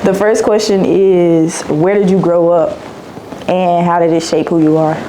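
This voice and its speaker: A woman's voice: on the low side, flat delivery, unhurried, noisy background. A young woman, chatting casually through a Q&A vlog in a slangy, repetitive way. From Dallas, Texas. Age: 20s. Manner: chatty, slangy, repeats herself. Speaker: vlogger.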